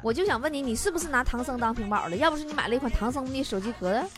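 A woman's voice: high voice, expressive, racing. A woman hosting a comedy show, reading listener messages and answering with teasing punchlines. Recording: loud music bed behind voice.

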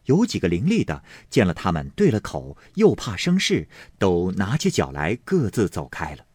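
Husky man reading a classic tale expressively. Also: low voice, wildly swooping pitch, normal speed, darkish tone, no room sound, studio quality. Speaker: narrator. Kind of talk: storytelling reading of a classic novel.

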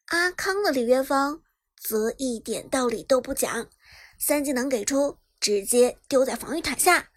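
A woman narrating a web novel chapter in brisk storytelling style, lifting her voice on the action. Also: high voice, expressive. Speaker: audiobook narrator. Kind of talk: scripted narration.

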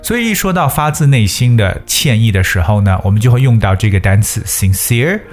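A man with a fairly low voice teaches English phrases in a patient, explaining way. He repeats each phrase slowly so learners can practice it. Faint guitar music plays underneath. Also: expressive. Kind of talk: bilingual English lesson.

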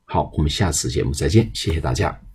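A man teaching spoken English, explaining in Mandarin and slowly repeating short English phrases for listeners to copy. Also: rumbling low, animated, darkish tone, slightly rough. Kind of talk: spoken English shadowing lesson.

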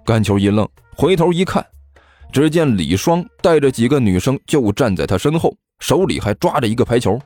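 A man narrating a serialized novel with lively storytelling. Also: mid-range voice, moderate pace, no room sound, faint music behind. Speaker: audiobook narrator.

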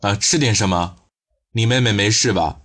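A man's voice: on the low side, moderate pace, a bit bright. A man voicing a young snack-shop owner who speaks politely with hesitant starts in an audiobook. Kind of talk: audiobook character voice.

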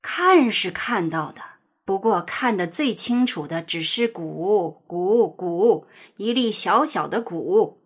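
A woman voicing a proud, earnest old male rooster in a children's storybook, speaking in a steady, lecturing way. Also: medium pitch, slow pace, husky, exaggerated voice. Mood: teasing.

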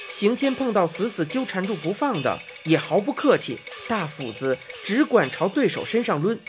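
A woman narrating a children's fantasy story expressively, voicing sound effects. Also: medium pitch.

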